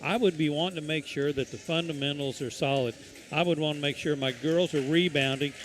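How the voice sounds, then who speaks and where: A man giving casual color commentary on a high school basketball game, rambling and folksy with many fillers and restarts. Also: fairly bright tone, a little hiss or hum.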